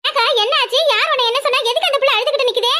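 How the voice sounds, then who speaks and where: A woman voicing a fiery village woman friend in a cartoon, loud and egging others on. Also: very high voice, rapid-fire. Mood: riled up. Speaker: cartoon character.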